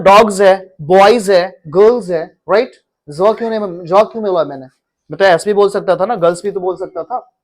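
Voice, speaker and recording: A man, teaching a pronunciation class and often quizzing his students. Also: high voice. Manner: repeats words and quizzes students. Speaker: English teacher. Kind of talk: classroom lesson.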